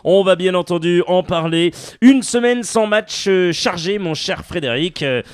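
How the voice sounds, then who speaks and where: Guy hosting live sports radio, kinda high voice, jokey, lots of euh, dry studio sound. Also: animated, unhurried, no echo. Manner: exclamatory, playful, many fillers. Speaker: radio show host.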